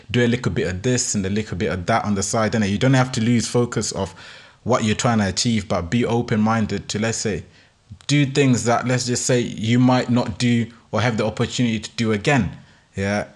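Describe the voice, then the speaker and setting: A man in his twenties with a London roadman accent and slangy street talk, hosting a casual motivational podcast monologue. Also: mid-range voice. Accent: London, urban roadman slang style. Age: 20s. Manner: street-slang talk with constant "innit" tags. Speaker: podcast host.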